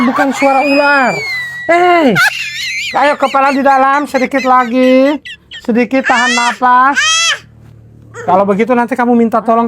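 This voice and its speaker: Man, young dad type, high voice, chuckly and patient, coaching a toddler outdoors; heavy background noise. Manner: chuckling, patient, repeats instructions. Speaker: father and vlog host. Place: outdoor playground ride.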